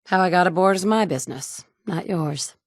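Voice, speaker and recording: Recorded on a studio mic in a booth with no echo, a thirtysomething actress plays a hardened, wry survivor who serves as the player character. She talks bluntly and plainly in a fairly low voice at a normal speed.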